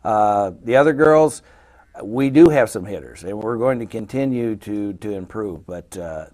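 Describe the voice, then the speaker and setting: A man with a low voice who coaches a college softball team talks through his lineup in a folksy, rambling way. His phrases often sink into soft fillers as he trails off. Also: lively intonation, unhurried. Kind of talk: interview answers.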